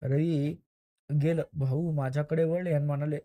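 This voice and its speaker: A man reads a first-person story in a plain, steady voice and now and then corrects his own slips. His voice sits a touch high and sounds mellow and dark in tone. The recording is close and dry. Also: moderate pace, dry recording.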